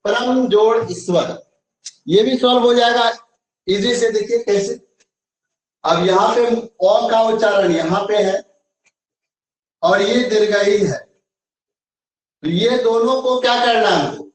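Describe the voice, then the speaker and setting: Teaching an online grammar class, a high-voiced man explains slowly, repeating each step and checking that his students keep up. He sounds distant from the mic in a very echoey room.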